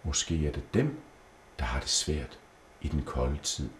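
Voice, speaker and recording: A man doing a quiet little elf girl. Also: very deep voice, animated, echoey room, slight background noise, pitched below the performer's own voice. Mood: gentle.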